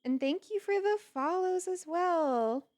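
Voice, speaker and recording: A woman's voice: very high-pitched, expressive, unhurried, darkish tone. A woman livestreamer with a bubbly, gushing manner, chatting casually during a cozy game stream. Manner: bubbly, gushing when thanking viewers.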